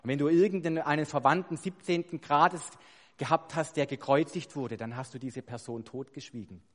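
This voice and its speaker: A man's voice: on the high side, moderate pace. A man delivers a sermon in a church hall, his slightly raised voice trailing off into a long reverb. He is emphatic, leans hard on key words and poses rhetorical questions to the congregation. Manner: emphatic, building to loud stressed climaxes. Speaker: preacher.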